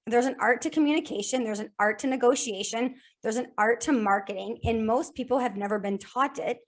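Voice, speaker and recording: Energetic woman guest, higher voice. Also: brisk. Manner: energetic, repeats phrases in lists with frequent restarts. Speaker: podcast guest, sales coach. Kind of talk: casual podcast conversation.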